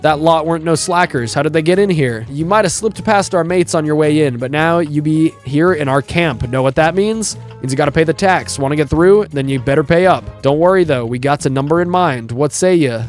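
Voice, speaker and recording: Sneering pirate thugs plotting and threatening in gruff slang, straight out of a game, as a man puts them on. The voice sits a bit high for a man, with soft music underneath. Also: fairly quick, hardly any pauses, lightly acted. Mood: menacing. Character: scheming, surly male pirate crewmen.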